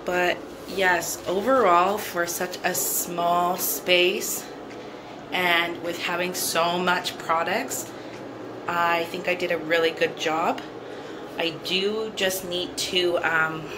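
An adult woman with a son, who makes cleaning vlogs, casually shows off her freshly cleaned bathroom at home, upbeat and repeating herself. Her voice is on the low side with little pitch movement and a slow pace. Music plays behind her over a noisy background.

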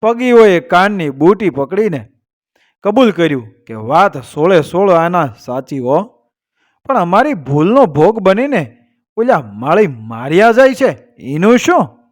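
A man's voice: high-pitched, a little slow. Man telling a folk tale. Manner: lively, proverb-laden storytelling. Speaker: storyteller.

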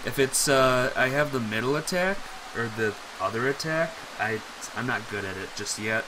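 A man's voice: medium pitch, expressive, normal speed, noisy background. A man streaming a horror game with casual, self-deprecating commentary, jumpy and scared as he talks to his viewers.

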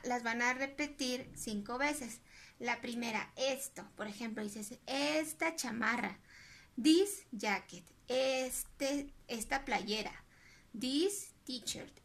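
Her Mexican Spanish accent comes through as she teaches English to little kids in a recorded online class, repeating words slowly with long, drawn-out sounds. The voice is high-pitched and sharp.

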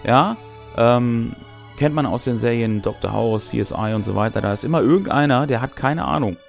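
A gravelly-voiced man in his thirties, speaking mid-range at a moderate pace, works as a game master explaining a tabletop game to camera. He's in a small indoor room with a brick wall, with music in the background.

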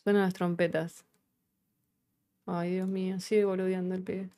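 A woman's voice: lowish voice, level tone, moderate pace, mellow. A woman with a Rioplatense Argentine accent hosting a casual live coding stream, chatting as she works, thinking aloud and swearing casually. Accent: Rioplatense Argentine Spanish.

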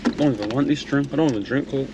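Rapid-fire and mid-range in pitch, a young British prankster vlogger talks slang-heavy and casual from a car as he pranks drive-throughs. The recording picks up a noisy interior with the engine and outdoor hum.

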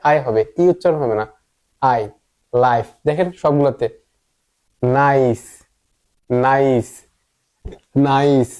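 Slow, drilling tutor, a man. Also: mid-range voice, a little mellow. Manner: drills words by repetition, emphatic and coaxing. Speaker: English reading tutor. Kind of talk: online English reading lesson.

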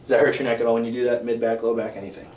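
A man in his thirties, a chiropractor, chats casually with a patient while explaining things, speaking very fast in a level, medium-pitched voice. His manner is informal and explanatory. The lo-fi recording was made in a small indoor treatment room and is clearly noisy.

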